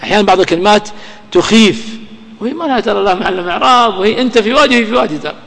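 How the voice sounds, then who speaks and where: Male teacher, high voice, quizzing students in a reverberant hall. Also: lively intonation, racing, creaky, fairly bright tone. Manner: quizzing, prompting students for answers. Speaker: grammar teacher. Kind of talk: question-and-answer grammar lesson. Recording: long reverb of a large room.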